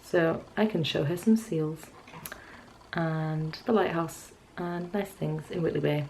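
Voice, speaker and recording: Speaking slowly in a low, gravelly voice with a darkish tone, this twenty-something vlogger from around Newcastle in north-east England rambles casually and hesitantly to camera, wry and reflective. She's indoors in a small furnished bedroom, and the low-quality recording carries slight background noise.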